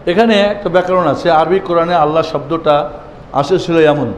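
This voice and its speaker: A man teaching Quran reading to a class, asking pointed rhetorical questions and chanting letters and verses in drawn-out tones. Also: fairly high pitch, fairly even intonation. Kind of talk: classroom lesson. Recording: echoey room with long reverb, faint background noise.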